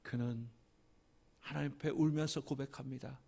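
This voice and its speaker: A man preaching a Sunday sermon as senior pastor in a church, swinging from hushed whispers to loud, emphatic climaxes with rhythmic repetition. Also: mid-range voice, fairly even intonation, normal speed, gravelly, breathy edge. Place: church sanctuary.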